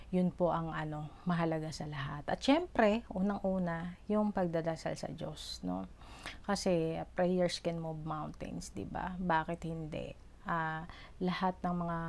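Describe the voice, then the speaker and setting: Brief: middle-aged Filipino mom vlogger, low-ish voice, earnest and rambling, lots of fillers. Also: female voice. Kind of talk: personal vlog storytelling.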